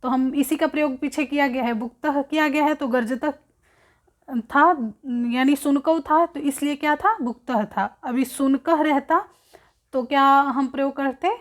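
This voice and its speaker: A woman teaching a textbook lesson, explaining word by word, asking questions and then answering them herself. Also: high voice. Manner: slow, repeats words, asks and answers own questions. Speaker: Sanskrit teacher.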